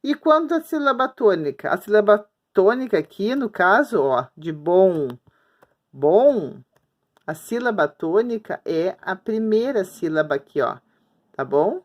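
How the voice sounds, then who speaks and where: A woman teacher records a lesson for young children at her screen, talking while she writes things up. She is patient and repeats herself a lot, drawing words out slowly syllable by syllable. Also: medium pitch, animated, highs cut off. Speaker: schoolteacher. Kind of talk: remote grammar lesson for children. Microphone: recording at a screen, writing on the board while talking.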